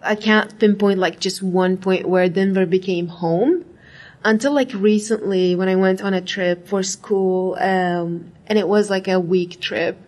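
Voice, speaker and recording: This graduate student from Iraq speaks unhurriedly in a medium, darkish voice with fairly even intonation. Her casual interview talk is reflective and full of "like" and "right?" asides.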